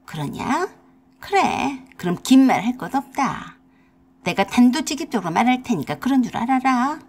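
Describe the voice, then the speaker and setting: A woman's voice: high-pitched, sing-song, normal speed, slight background noise. A woman voicing a domineering older mother-in-law who nags and scolds, using rural dialect words. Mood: demanding. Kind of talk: radio drama acting.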